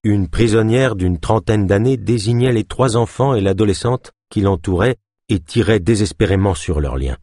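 Husky, low-voiced male storyteller. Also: normal speed, no echo, studio quality. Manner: expressive storytelling. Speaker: narrator. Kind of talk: audiobook narration.

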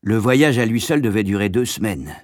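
Brief: composed male storyteller, low voice, dry close sound. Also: normal speed, no echo. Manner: calm, storytelling delivery. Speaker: narrator. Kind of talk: scripted audiobook narration.

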